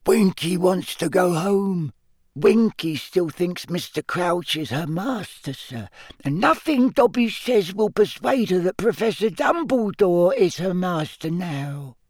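An earnest, devoted little male house-elf from a storybook speaks up in a high, hushed voice, performed by a male reader. His words come slowly, with the pitch swinging widely. The recording is close and dry. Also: animated, no room sound, full character voice.

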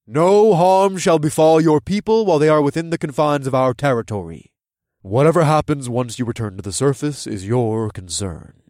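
Stern underground mole-people chief, slow formal speech, dry close sound, a guy putting him on. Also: medium pitch, expressive, a little mellow, dry recording, lightly acted. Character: stern, guarded male leader of the mole people.

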